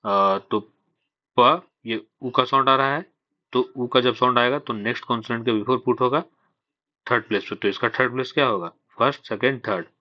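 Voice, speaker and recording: A man's voice: mid-range voice, normal speed, no echo, muffled recording. A man teaching a shorthand lesson, patiently explaining step by step and asking himself questions before answering them. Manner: mixes English terms into Hindi. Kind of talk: classroom-style lesson.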